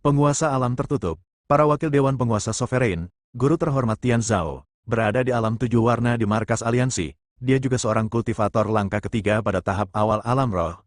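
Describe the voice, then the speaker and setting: A man's voice: medium pitch, brisk, no room sound, studio quality, close to an everyday voice. A man voicing a wounded old cultivator. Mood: deferential. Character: wounded old male cultivator, urgent and deferential.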